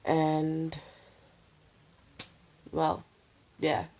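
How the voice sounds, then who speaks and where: A tired woman giving casual budgeting advice in a vlog, slow and halting with lots of pauses and fillers. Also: low-pitched, mellow. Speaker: vlogger.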